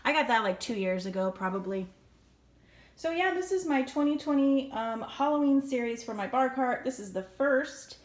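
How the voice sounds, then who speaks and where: Chatty woman in an echoey room. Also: medium pitch. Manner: chatty, upbeat, lists prices and stores. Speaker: home decor vlogger. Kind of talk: casual show-and-tell narration. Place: indoor room at home.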